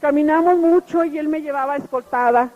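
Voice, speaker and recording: High-voiced woman giving an earnest testimony. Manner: earnest and halting, with frequent restarts and repeated words. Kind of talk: spoken personal testimony. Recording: muffled recording with faint background music.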